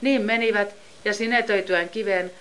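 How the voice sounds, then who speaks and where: A woman reads scripture in a steady, measured voice. Her pitch sits in the middle of the range, and her delivery stays even from line to line. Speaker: scripture reader.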